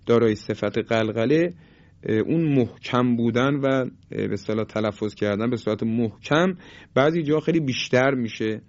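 Man slowly teaching Quran recitation rules. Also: mid-range voice, a little mellow. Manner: slow, drawn-out demonstration of letter sounds. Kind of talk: tajweed lesson. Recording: muffled lo-fi recording.

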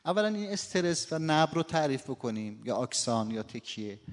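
A man's voice: medium pitch, big pitch swings. Man lecturing in a reverberant hall. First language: Persian. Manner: explanatory, slows down to demonstrate word stress. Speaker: teacher. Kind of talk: spoken lecture on phonetics. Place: lecture room or workshop.

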